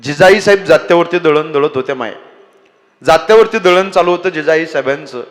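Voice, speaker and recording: High voiced preacher guy from maharashtra, singsong kirtan storytelling, long echo. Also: fairly quick. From Maharashtra, India. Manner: sing-song chanting, emphatic, addresses villagers. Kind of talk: devotional kirtan sermon with storytelling.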